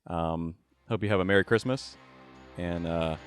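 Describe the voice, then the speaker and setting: Low-voiced man hosting a podcast. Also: normal speed, soft background music. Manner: friendly, teasing, laughs along. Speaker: podcast host. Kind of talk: casual podcast interview.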